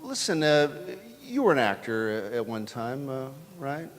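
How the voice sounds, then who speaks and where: A man's voice: mid-range voice, sing-song, measured pace, slight background noise. A man telling rambling, folksy jokes to a church congregation. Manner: rambling, folksy, with fillers and restarts. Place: church sanctuary. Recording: long church reverb.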